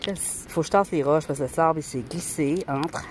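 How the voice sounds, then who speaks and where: A friendly, chatty rock-hunting vlogger from Quebec addresses her viewers while on a mountain, her deep voice at normal speed and her Québécois French accent clear. She rambles through casual narration with a phone in hand, amid light windlike ambience.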